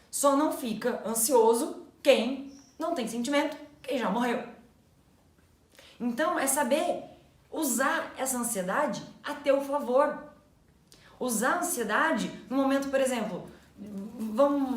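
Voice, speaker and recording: A woman co-hosting a casual explanatory chat, animated and acting out inner thoughts in quotes. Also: high-pitched. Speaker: co-host. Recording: echoey room.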